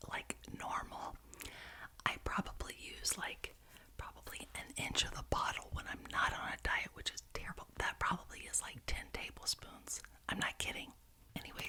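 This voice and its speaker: Whispering woman in an ASMR ramble. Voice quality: breathy unvoiced whisper. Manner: enthusiastic, repetitive rambling with gentle emphasis. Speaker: ASMR video creator.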